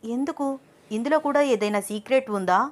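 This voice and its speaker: A bashful young woman in love, soft and coy, teasing her husband in a storybook romance, as a female narrator puts her on. She speaks a little higher and brighter than plain narration. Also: brisk, natural voice.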